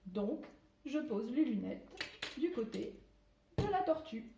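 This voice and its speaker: A woman teacher giving a video lesson to young children from home, speaking slowly and articulating carefully, with playful exclamations. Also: fairly high pitch, big pitch swings, gravelly, warm tone, slight background noise. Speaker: primary school teacher. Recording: echoey room.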